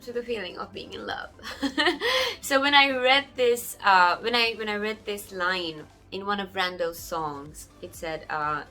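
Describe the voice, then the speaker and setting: A young woman from Sri Lanka, a singer-songwriter, speaking casually to camera in a warm, grateful way. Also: medium pitch, measured pace, faint music behind. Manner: warm, grateful, often laughing softly.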